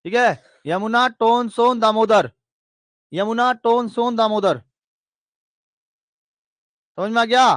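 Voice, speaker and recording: A man's voice: very high voice, slow pace, long pauses, fairly bright tone, no room sound. A man teaching a geography lesson, running through lists in a sing-song chant and asking checking questions. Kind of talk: classroom lesson with drilling repetition.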